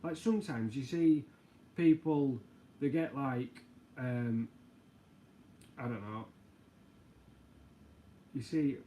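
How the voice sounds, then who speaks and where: A man's voice: medium pitch, takes it slowly, pauses often, warm tone, slight background noise. A man hosting a casual livestream, rambling, joking and reading out viewer comments. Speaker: livestream host. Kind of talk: casual live chat.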